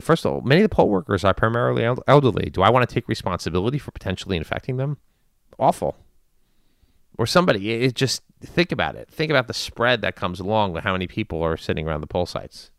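A man giving informal news and community commentary in a measured, deliberate way with long pauses. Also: fairly low pitch, sing-song, vocal fry, a bit bright, dry recording, clean studio sound. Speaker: commentator addressing his community.

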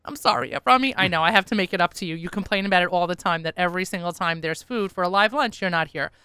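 Tired lady radio host, chatty and self-deprecating, crisp dry studio sound. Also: lowish voice, fast talker, bright, forceful tone, no room sound. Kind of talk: casual radio chat. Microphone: studio microphone.

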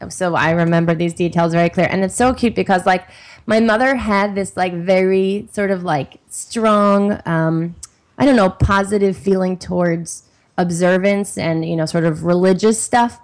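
Woman host, rambling casual chat, slightly low voice. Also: moderate pace. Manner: rambling, many fillers and restarts. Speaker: podcast host.

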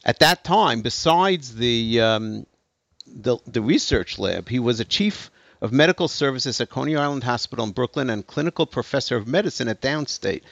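A man's voice: mid-range voice, lively intonation, normal speed, vocal fry, fairly bright tone, dry recording, muffled recording. A man giving a lecture to an audience, telling a story emphatically with hesitant restarts. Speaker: speaker giving a talk.

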